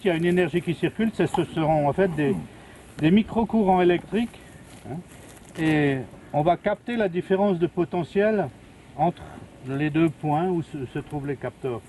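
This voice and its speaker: An older man with a fairly high but mellow, soft-edged voice explains a gadget step by step. He talks in an unhurried, patient way, like a teacher showing a class something. He is outdoors, with faint ambient noise around him. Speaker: retired music teacher demonstrating plant music. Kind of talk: explanatory demonstration. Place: outdoor garden.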